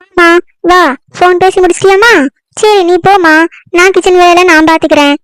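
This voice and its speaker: A woman's voice: very high voice, steady tone, a little fast, dry recording. A woman playing a scheming mother-in-law in a comedy skit, sweetly pleading and slyly muttering. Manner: soft pleading, then sly muttering.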